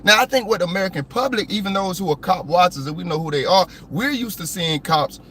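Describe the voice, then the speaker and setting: A man's voice: high-pitched, expressive, fast, sharp tone, a little hiss or hum. A man hosting a live stream, ranting hotly and with plenty of profanity. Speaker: copwatch channel host.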